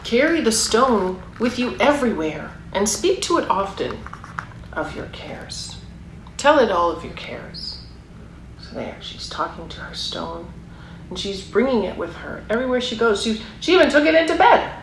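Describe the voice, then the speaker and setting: A woman on the high side of the pitch range reads a picture book for small children in a sing-song way at normal speed. She breaks in with warm, chatty asides and questions for her listeners. There's roomy echo and clear background noise in the recording.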